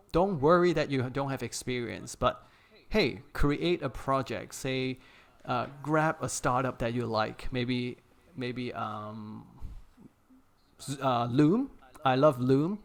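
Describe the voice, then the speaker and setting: A man as a guest on a casual live chat, giving energetic, encouraging advice and laughing often over a remote call. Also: mid-range voice. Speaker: guest creator coach.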